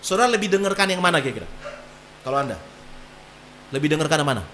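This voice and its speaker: A male pastor, preaching a sermon in animated, colloquial style and acting out voices. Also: on the high side, fast talker, slight background noise.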